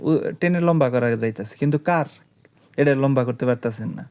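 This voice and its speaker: A man gives an online lesson at an ordinary mid pitch. He explains step by step and patiently, slowing down to sound out syllables one at a time. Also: darkish tone, clear, resonant tone. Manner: slow, patient explaining, drawing out syllables as examples. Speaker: teacher.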